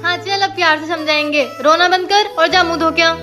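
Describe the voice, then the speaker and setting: Young woman, very high voice, playful skit acting, music behind. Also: fairly even intonation, brisk. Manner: playful, switches between characters. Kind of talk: comedy skit role-play. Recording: background music.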